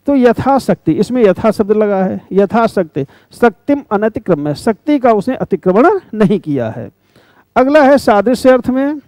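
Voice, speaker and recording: High-voiced man teaching grammar. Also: dark tone, dry recording. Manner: explains step by step with questions and examples. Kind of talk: grammar lesson explanation.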